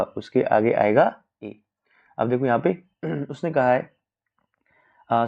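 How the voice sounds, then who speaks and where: A man teaching a grammar lesson for exam prep. His voice is gravelly, at a middle pitch, and it comes through a dull, lo-fi recording. He keeps quizzing the class and then answers his own questions.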